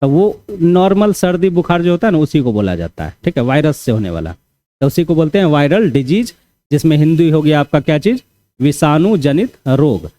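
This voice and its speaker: A man lectures a class in a relaxed, conversational way, circling back over each point and checking that students follow. His voice sits fairly high and sounds warm and mellow. The recording is dry and close. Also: normal speed, no echo. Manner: repetitive, conversational teaching with frequent "theek hai" check-ins. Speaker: teacher. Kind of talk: classroom lecture for exam preparation.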